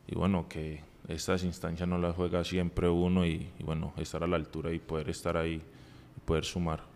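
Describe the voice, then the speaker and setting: A young man, a football player, answering at a press conference at a table mic, halting with many restarts and fillers. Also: low-pitched, flat delivery, vocal fry, a little mellow, in a large hall, a little hiss or hum. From Colombia. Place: press room in front of a sponsor backdrop.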